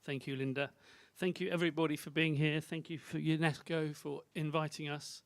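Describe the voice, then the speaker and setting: A man moderating a conference panel, introducing the speakers formally and reading out long titles with small pauses and fillers. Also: a little high, level tone. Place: conference breakout room.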